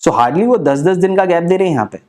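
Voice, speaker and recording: A man's voice: on the high side, expressive, a little fast, darkish tone. A young man teaching an online exam-prep lesson, explaining topics in a mix of Hindi and English and often asking rhetorical questions. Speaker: entrance exam tutor.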